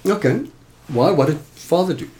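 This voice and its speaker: A man hosting a podcast, introducing episodes and interviewing guests, animated and quick to laugh. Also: a little high, husky. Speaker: podcast host.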